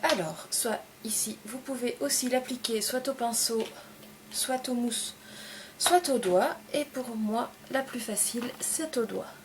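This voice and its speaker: A young woman walks through her makeup routine in a gentle, explanatory way, pausing between short phrases. Her voice sits a little high. A faint hiss runs under the recording. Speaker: makeup tutorial presenter. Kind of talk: casual step-by-step makeup tutorial.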